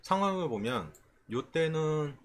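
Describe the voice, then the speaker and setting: A man with a higher voice, very animated yet measured in pace, teaches an informal screen-share tutorial on stock charts. As a trading instructor, he frequently checks in with short rhetorical questions. Slight background noise can be heard.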